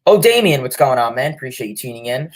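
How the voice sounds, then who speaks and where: A young man with a cold sniffles as he hosts a sports livestream, reading viewer comments and rambling with many fillers and restarts in casual sports chat. His medium-pitched voice is expressive, and he talks fast.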